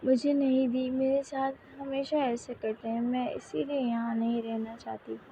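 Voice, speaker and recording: Woman narrator voicing a lonely stubborn young woman, whiny pleading tone, highish flat voice. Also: moderate pace, muffled recording, a little hiss or hum. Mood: tearful sulking.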